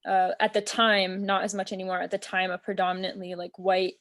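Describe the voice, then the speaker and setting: Speaking briskly at a medium pitch, this young adult American woman is a guest being interviewed over video from a small room in her home. The conversation is casual, and her earnest, thoughtful delivery is packed with fillers such as "um" and "like."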